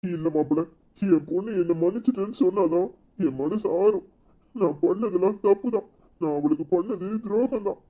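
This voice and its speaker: A man's voice: high voice, normal speed, dark tone, lo-fi sound. Man voicing a remorseful old cartoon father. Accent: Tirunelveli Tamil. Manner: humble, pleading, meek agreement. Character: remorseful elderly father begging forgiveness. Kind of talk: cartoon serial voice acting.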